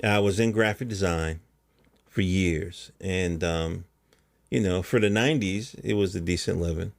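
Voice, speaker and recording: With a gravelly, low-pitched voice and a measured pace, a middle-aged American man rambles colloquially like a casual podcast host. The recording has no echo and very little room sound, and in his monologue he often checks that the listener is following.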